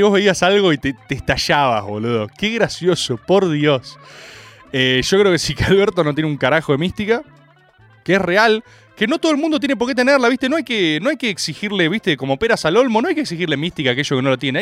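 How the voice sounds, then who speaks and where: A young Argentine man with a Rioplatense accent hosting a comic political monologue, rambling and ironic, laughing at his own jokes. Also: fairly high pitch. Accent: Rioplatense Spanish.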